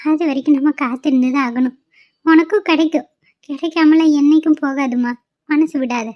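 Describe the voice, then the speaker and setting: A woman's voice: high voice, steady tone, brisk, no room sound, natural voice. A woman voicing a caring, consoling middle-aged mother-in-law in a cartoon, on a dull lo-fi recording. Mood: soothing. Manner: soothing, consoling.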